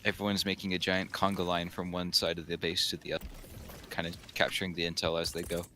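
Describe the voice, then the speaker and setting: A man's voice: low-pitched, monotone, fast talker, pushed and bright, slight background noise. A man streaming a video game, chatting casually and rambling off into enthusiastic tangents. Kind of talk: casual gaming stream chat.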